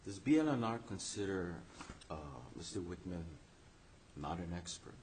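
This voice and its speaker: A man questioning from the bench as a justice, in a halting, deliberate way. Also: sits low, lively intonation, a little mellow. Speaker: appellate justice questioning lawyers. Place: courtroom. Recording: faint background noise.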